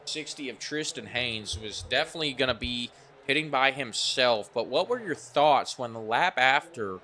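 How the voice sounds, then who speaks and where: A man hosting post-race interviews for an online racing league, asking upbeat, hurried questions with plenty of fillers. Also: mid-range voice, animated, pushed and bright, a little hiss or hum. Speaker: esports racing broadcaster interviewing drivers.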